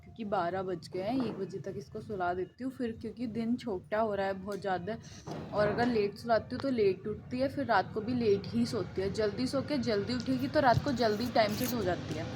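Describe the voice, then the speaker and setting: A young woman vlogging at home, narrating her day softly and cooing in a high voice to her small daughter. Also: moderate pace, background noise. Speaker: vlogger mother. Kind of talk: casual family vlog. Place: home courtyard outdoors in the sun.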